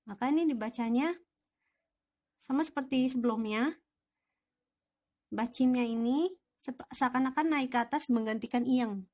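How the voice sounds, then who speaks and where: A woman's voice: on the high side, normal speed, pauses often, a little mellow. A young woman teaching an online language lesson, patiently explaining rules and answering her own questions.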